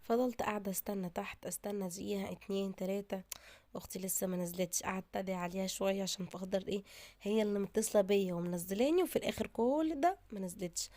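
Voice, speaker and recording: A woman's voice: mid-range voice, quick pace, mellow. A woman with an Egyptian Arabic accent, chatting casually to her viewers in a daily vlog. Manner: chatty, talks straight to viewers. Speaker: vlogger.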